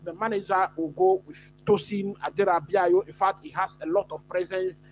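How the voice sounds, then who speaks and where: A man from Ghana hosting a live football watch-along, chatting casually and answering viewers with many pauses and fillers. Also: sits high, fairly even intonation, highs cut off, slight background noise. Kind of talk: live stream football chat.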